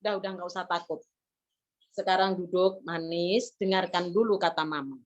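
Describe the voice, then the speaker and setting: A woman's voice: very high-pitched, very animated, a little slow, heavily acted. A woman voicing a caring mother who soothes and firmly instructs her son, in a slightly muffled recording. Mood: soothing. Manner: soothing yet firm, coaxing. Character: calm, firm, caring mother.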